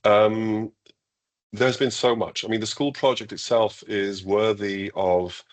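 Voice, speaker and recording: Low-voiced Icelandic-born school leader, live Q&A, upbeat but halting. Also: male voice, fairly even intonation. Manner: measured, enthusiastic, many ums and restarts. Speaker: international school head. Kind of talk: live Q&A interview.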